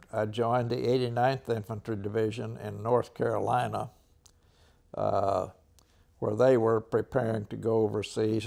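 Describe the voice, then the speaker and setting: A lowish, darkish voice belongs to an American war veteran in his nineties. Being interviewed about the war, he speaks haltingly and clears his throat again and again.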